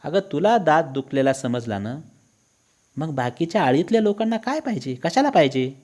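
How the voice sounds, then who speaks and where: A man's voice: fairly high pitch, very animated, moderate pace, a little mellow, pitched above the performer's own voice. A male teacher reading the lines of a husband who complains indignantly about his aching tooth.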